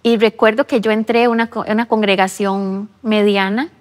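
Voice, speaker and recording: A woman in her thirties shares a personal testimony, speaking earnestly and acting out what she once said. Her voice sits at an ordinary pitch for a woman. The sound is recorded in a church with a long, lingering reverb. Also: steady tone, normal speed. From Costa Rica. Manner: earnest storytelling, re-enacting her own past words. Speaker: interviewee giving a testimony. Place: church interview set. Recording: long reverb of a large room.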